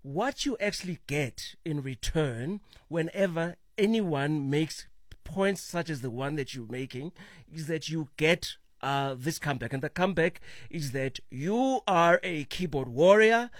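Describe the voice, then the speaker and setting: A man's voice: fairly high pitch, animated, unhurried, dry recording. Male radio talk host with a slightly raised voice, direct and probing, dry studio mic. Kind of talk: radio talk show hosting.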